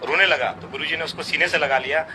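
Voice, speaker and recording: A man's voice: fairly high pitch, quick pace. A middle-aged man earnestly recounting a devotional experience, quoting others in dialogue. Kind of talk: storytelling testimony. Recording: outdoor traffic noise behind.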